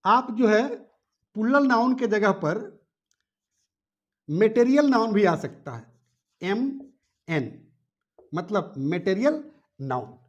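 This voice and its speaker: A male English teacher explains grammar at a board in a classroom. He speaks slowly, with a pitch that rises and falls a lot. He repeats example words twice and asks the students again and again whether they understand. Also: expressive, dull audio. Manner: explains slowly, repeats words in pairs, checks "samjh mein aa rahi hai na?"; calls students "beta".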